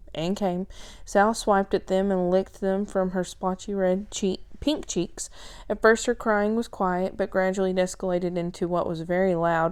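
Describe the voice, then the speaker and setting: A woman reading a children's chapter book aloud, calm and steady. Her voice is smooth and clear, sitting at a middle pitch for a woman. She trips over a word now and then but keeps going. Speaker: storyteller.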